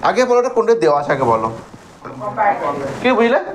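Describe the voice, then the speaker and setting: A man's voice: high voice, big pitch swings, brisk, background noise. A male English teacher with a Bengali accent giving a grammar lesson, questioning students by name and stretching words out to show their syllables.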